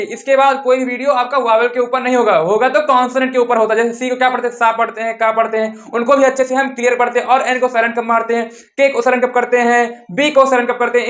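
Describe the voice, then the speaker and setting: A man's voice: extremely high pitch, fairly bright tone. A male teacher with a Hindi accent giving an English pronunciation lesson, repeatedly asking his students questions and answering them himself.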